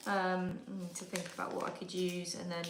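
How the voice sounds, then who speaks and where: A woman's voice: lowish voice, completely flat delivery, fairly quick. Yorkshire lady doing a live sewalong, chatty, echoey kitchen, noisy in the back. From Yorkshire, England. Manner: chatty, thinks aloud while working. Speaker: sewing vlogger hosting a live sewalong. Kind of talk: casual live sewing tutorial. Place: home kitchen. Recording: echoey kitchen with background noise.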